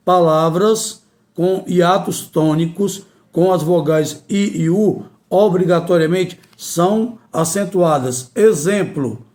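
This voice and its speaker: A man teaching spelling rules in a slow, deliberate way, repeating each key word. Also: high voice, darkish tone. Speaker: Portuguese language teacher. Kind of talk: grammar lesson.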